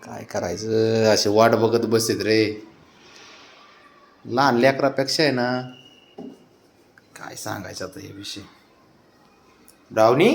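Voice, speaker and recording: A young man talking affectionately to his cats at home, coaxing them in baby talk that soars into a high sing-song when he greets them. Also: creaky. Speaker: cat owner. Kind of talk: casual talk to pets.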